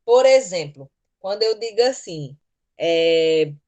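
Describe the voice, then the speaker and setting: A woman's voice: fairly low pitch, animated, slow pace, a little mellow. Patient Brazilian woman teaching an online class. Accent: Brazilian Portuguese. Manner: patient, explaining step by step. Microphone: computer mic in a virtual class.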